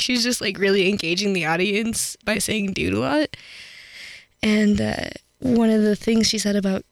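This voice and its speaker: Young female college radio co-host, animated and chatty, medium pitch, dry close mic. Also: dry recording. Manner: animated, laughs often, says "like" a lot. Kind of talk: casual chat. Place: radio studio.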